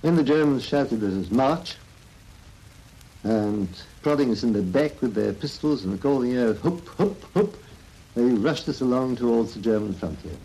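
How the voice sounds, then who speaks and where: A man recounting past events calmly and plainly in an archive interview recording. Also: mid-range voice, brisk, few pauses, slight background noise, rough recording.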